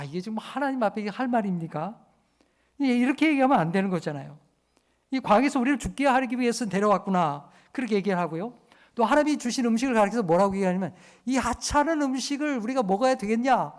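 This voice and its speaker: A man preaching a church sermon in a high voice. He speaks earnestly and acts out the grumbling lines he quotes. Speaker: pastor.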